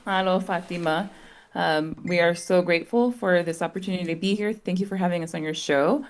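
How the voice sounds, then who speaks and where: Woman scientist guest, kinda low voice, polite and measured, a few ums. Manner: polite, measured, some fillers. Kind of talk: radio interview.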